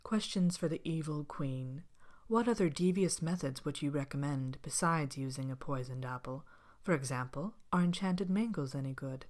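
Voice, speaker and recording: A woman voicing a haughty, vain evil fairy-tale queen in an ASMR role-play, soft-spoken and partly whispered, pompous and languidly disdainful. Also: sits low, close to an everyday voice. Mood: smug, chatty. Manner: pompous, languid, theatrical disdain with drawn-out words. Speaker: host of a character Q&A show. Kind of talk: ASMR character role-play, answering questions.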